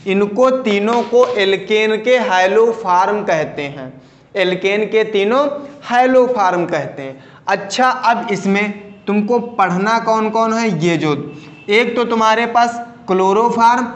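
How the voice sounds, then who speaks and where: A man with a high voice teaches a chemistry lesson for video, pausing to ask his students questions and repeating each answer. He speaks slowly and stretches out key terms. The sound is roomy and echoey. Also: lo-fi sound.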